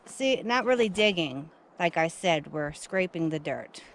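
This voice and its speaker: A woman, vlogging outdoors into a handheld camera, excitable and chatty as she talks straight to viewers. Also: lowish voice, a little slow, slight background noise. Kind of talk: casual outdoor vlog narration. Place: outdoors at a dig site.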